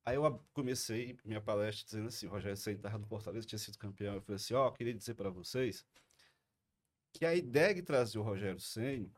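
A man with a Cearense accent, telling casual anecdotes as a lively storyteller with big pitch jumps. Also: fast talker. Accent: Cearense Brazilian Portuguese. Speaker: podcast guest, son-in-law of the judge.

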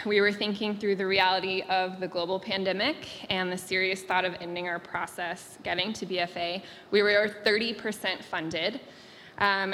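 A woman's voice: medium pitch, a bit bright. A woman speaking as a missionary, sharing a sincere and reflective testimony. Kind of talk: personal testimony. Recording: echoey hall with faint noise.

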